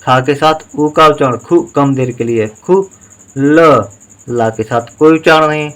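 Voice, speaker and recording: A man teaching handwriting, slowly sounding out each syllable and vowel sign in a patient dictation. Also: medium pitch, fairly bright tone. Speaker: Hindi writing teacher. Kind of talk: slow spelling dictation lesson.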